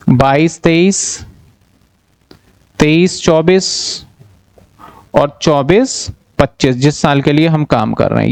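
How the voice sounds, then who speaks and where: A man's voice: a little high, gravelly, a little mellow, dry recording. A man teaching a commerce class online, explaining step by step and often checking that students follow. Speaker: commerce tutor.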